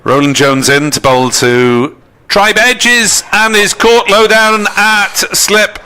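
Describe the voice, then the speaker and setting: A man giving live ball-by-ball cricket commentary in a measured, descriptive way. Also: high-pitched, pushed and bright, clear, resonant tone.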